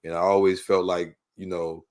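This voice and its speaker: This man's voice sits low and darkish, with little pitch movement and normal speed. A Los Angeles local with the accent to match, he tells his story as a podcast guest in casual slang, leaning on "you know what I mean."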